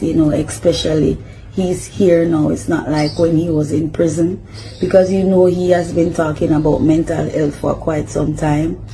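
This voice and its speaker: A woman speaks in a subdued, halting way. She is making a heartfelt apology on a livestream. Her voice is low and mellow, with a flat delivery. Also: a little hiss or hum, rough recording.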